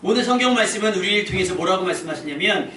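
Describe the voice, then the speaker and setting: A man's voice: sits high, animated, racing, bright, forceful tone. A male pastor giving a joking, conversational sermon and leading call-and-response with his congregation. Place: church sanctuary. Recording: echoey church from far off, with noise.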